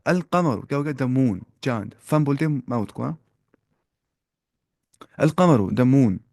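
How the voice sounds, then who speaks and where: A man's voice: mid-range voice, animated, a little mellow, no room sound, clean studio sound. Man teaching Arabic vocabulary in class. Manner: asks questions and repeats words slowly for students. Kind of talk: classroom lesson.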